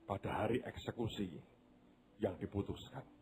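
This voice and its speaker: A male pastor telling a story in a sermon, dramatic and swinging between loud and hushed delivery. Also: lowish voice, steady tone, moderate pace, a little hiss or hum.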